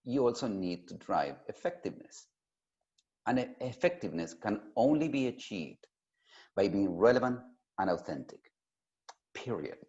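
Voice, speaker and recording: A man delivers a prepared keynote address, speaking emphatically and deliberately with pauses for emphasis. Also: fairly low pitch, animated, darkish tone. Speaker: keynote speaker at an industry summit. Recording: dull, lo-fi sound.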